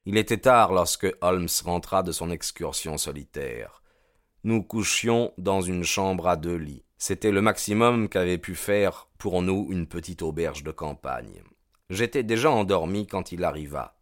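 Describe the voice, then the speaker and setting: A man narrating an audiobook in a measured, even storytelling manner. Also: sits low, dry recording, studio quality.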